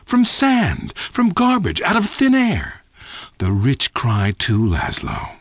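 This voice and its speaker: An actor playing a persuasive male cult leader with a preachy sales pitch on a game radio show. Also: wildly swooping pitch, takes it slowly, gravelly, fairly bright tone, dry recording, clean studio sound, heavily acted. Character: smooth-talking male cult leader recruiting members.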